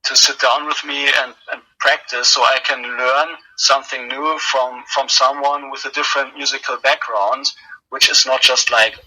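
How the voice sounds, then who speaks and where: Drunk metal drummer guy rambling, super bright thin sound. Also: medium pitch, flat delivery, moderate pace, husky, poor audio. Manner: rambling, hesitant, tipsy and joking. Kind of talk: casual interview.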